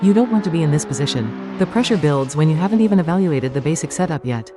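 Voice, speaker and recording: A man doing a quick explanatory racing pundit. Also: a little high, lively intonation, lightly acted. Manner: explanatory, expert analysis. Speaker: co-commentator analyst. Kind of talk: scripted race analysis. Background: game music.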